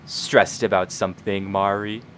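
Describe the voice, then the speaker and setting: Man acting as sinister mind-creeping spirit, sly, scheming, slow taunts, low pitch, tabletop game villain. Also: level tone, fairly bright tone, slight background noise. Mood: sly, taunting.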